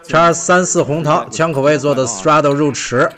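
Fairly quick and animated, a man's voice-over runs through recorded poker highlights, asking rhetorical questions and letting out exclamations.

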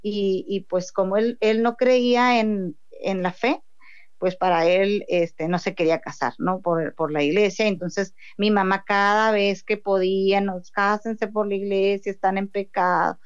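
With a Mexican accent and a medium-pitched voice, a woman shares a heartfelt testimony of her personal faith, frequently starting her sentences over. Her tone is steady and her pace measured, smooth despite the lo-fi recording.

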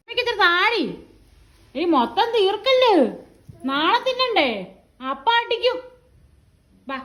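A woman's voice: very high voice, a bit bright. A mother at home talking to her toddler in coaxing, teasing baby talk full of repeated questions.

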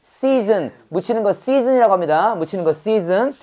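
This woman's voice is medium-pitched, mellow, and lively in intonation as she teaches English vocabulary through a brisk call-and-response exercise. She asks quick questions and keeps repeating each word.

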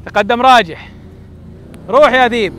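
A man with a Gulf Arabic accent giving excited, shouting live commentary on off-road driving, recorded outdoors at sand dunes on a handheld camera. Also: very high voice, normal speed, slight background noise. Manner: shouting, cheering, teasing drivers. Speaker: channel host filming from the crowd.

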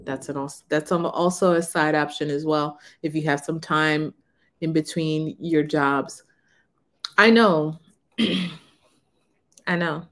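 Slow, frank woman vlogger. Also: low-pitched, steady tone. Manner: frank, unhurried, conversational. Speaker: vlogger on renting. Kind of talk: casual talk to camera. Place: small room indoors. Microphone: camera in front of her.

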